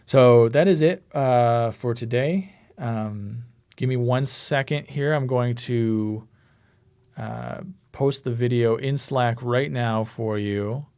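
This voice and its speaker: A man's voice: mid-range voice, slow pace, a little mellow, smooth. A man teaching a live online class over a video call, casually talking through each click on his screen. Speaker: course instructor. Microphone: computer mic on a video call.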